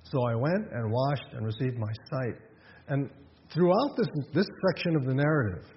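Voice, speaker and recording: A man's voice: medium pitch, big-room sound, muffled recording, slight background noise. A man preaching a sermon in a conversational way, with rhetorical questions and frequent restarts. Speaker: pastor.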